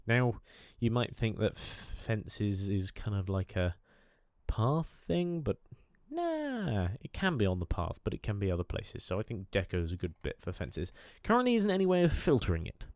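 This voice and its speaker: A gaming YouTuber with a cold talks over gameplay in a deep, darkish, nasal voice. He's chatty and enthusiastic, rambling through casual commentary with lots of fillers. The recording is clean studio sound with no room sound.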